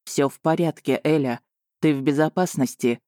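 A woman reading the part of a calm, commanding dragon-born duke who speaks softly and coaxingly. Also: low voice, normal speed, no echo, clean studio sound, lightly acted. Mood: soothing. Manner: soft, restrained, coaxing.

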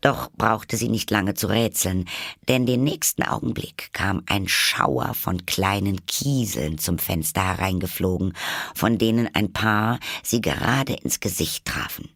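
Gravelly, low male storyteller. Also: measured pace, a bit bright, no room sound, studio quality. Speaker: audiobook reader. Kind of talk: storybook narration.

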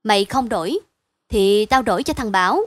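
A woman's voice: mid-range voice, lively intonation, normal speed, no room sound, natural voice. A woman doing a pushy, boastful boy. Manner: loud, insistent.

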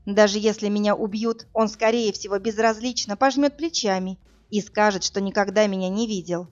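A woman narrating a first-person audiobook in a steady, plain storytelling manner, in a slightly muffled recording. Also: medium pitch, moderate pace, soft background music.

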